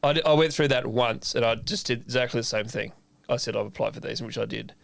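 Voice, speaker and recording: Animated Australian man telling stories. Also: medium pitch, fast, creaky, no echo. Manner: animated storyteller acting out both sides of a conversation; swears freely. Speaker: chef and podcast co-host. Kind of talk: casual chat.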